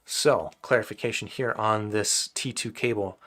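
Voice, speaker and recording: Audio gear questions from viewers come up on this man's live stream, and he answers them loosely and at length, frequently starting over. His voice is fairly low and fairly bright at a normal speed, and it gradually sounds dry and fatigued.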